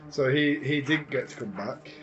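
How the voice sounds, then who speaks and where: A man's voice: mid-range voice, normal speed, lo-fi sound, over loud music. A man playing a tabletop wargame with friends, chatting casually, joking and cheering at his dice rolls. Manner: excitable, jokey, cheers at good dice rolls. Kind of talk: casual chat over a tabletop game.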